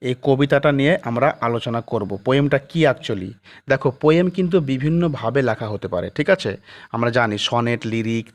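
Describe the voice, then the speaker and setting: A male teacher lecturing on a poem, speaking at a middle pitch. He moves slowly through each point. He reads English phrases out word by word and breaks into nearly every sentence with a quick check for understanding. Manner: explains slowly, asks "ঠিক আছে?" after nearly every point; mixes English phrases into Bengali, reading English definitions very slowly. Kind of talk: classroom lecture.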